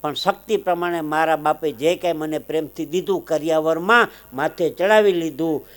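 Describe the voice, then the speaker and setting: Man, Kathiawadi Gujarati accent, stage storyteller, dramatic swells, slightly high voice. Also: normal speed. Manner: dramatic swells, loud declaiming then softer asides. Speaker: folk storyteller and comedian.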